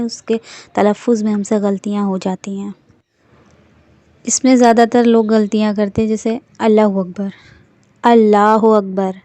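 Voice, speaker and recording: A woman teaches with quiet earnestness, her voice mellow and dark in tone. She speaks in a level, steady line and slows carefully whenever she models a phrase. The recording is dry and close. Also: mid-range voice, no echo. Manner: earnest, slows down to spell out recited words. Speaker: religious teacher. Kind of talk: instructional talk on prayer.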